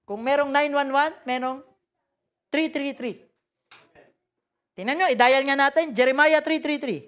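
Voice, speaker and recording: Filipino woman preacher with a high voice, lively and joking, reading scripture in English. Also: unhurried. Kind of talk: sermon.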